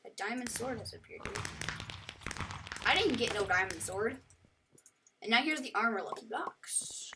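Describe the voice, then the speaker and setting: A woman giving casual, excitable and rambling commentary while she plays a video game. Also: on the high side, normal speed, long pauses, noisy background. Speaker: gaming commentator. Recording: voice set back from the mic over loud game music.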